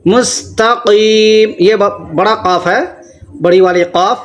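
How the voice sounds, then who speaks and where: A high-pitched male Quran teacher with a Pakistani Urdu accent gives a tajweed lesson. He rattles through corrective explanations, then slows right down to chant each verse at length. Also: steady tone, muffled recording, a little hiss or hum. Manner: switches between quick explanations and slow drawn-out chanting; stern, corrective about common mistakes.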